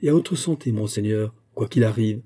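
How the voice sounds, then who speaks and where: A man's voice: fairly low pitch, normal speed, dark tone, slightly rough. A man voicing a frank, courteous musketeer captain in an audiobook.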